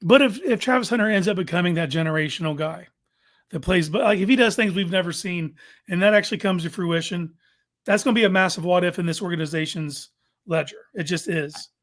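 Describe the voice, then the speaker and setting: A man's voice: sits high, a little fast, fairly bright tone. A man hosting a casual sports talk show, making his points informally and emphatically, repeating them for stress.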